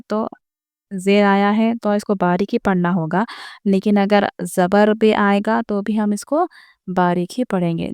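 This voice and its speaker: A woman gives an online recitation lesson in a very clear, smooth voice at a mid pitch. She explains each rule patiently and slows right down to sound out the example words. The recording is dry and close. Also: no room sound. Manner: patient step-by-step explaining, repeating each point; addresses viewers directly. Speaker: Quran recitation teacher.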